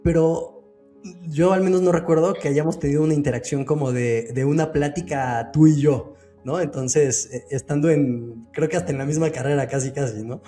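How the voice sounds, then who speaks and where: Male podcast host, 30s, mellow voice, faint music behind. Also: a little high, fairly even intonation, normal speed. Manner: chatty, hesitant restarts while framing questions. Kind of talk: casual interview conversation.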